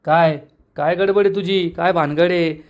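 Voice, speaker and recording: Guy doing a cranky fish-seller lady, scolding everyone, slightly high voice. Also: fairly even intonation, moderate pace, natural voice. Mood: annoyed. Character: quarrelsome fish-seller woman, irritable.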